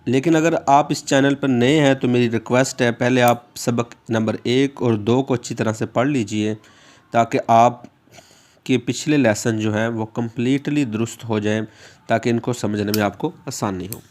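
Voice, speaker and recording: A man's voice: medium pitch, fairly even intonation, a little mellow. A man teaching Quran reading step by step, drawing out letter sounds patiently for the listener to repeat. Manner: slow, patient, drawn-out letter sounds for repetition. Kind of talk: step-by-step recitation lesson.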